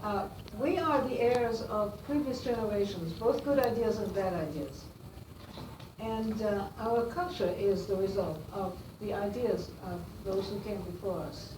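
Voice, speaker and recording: Addressing students as a guest speaker, an older Austrian woman, a native German speaker, talks in a mid-range voice, breaking off with frequent fillers and starting sentences over. She sits back from the microphone in an echoey room, with constant noise in the background.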